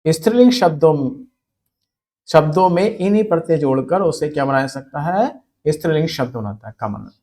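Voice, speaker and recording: A man teaching a spelling lesson, asking questions and answering them himself, repeating key words slowly. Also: a little high, animated, darkish tone. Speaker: Hindi grammar teacher.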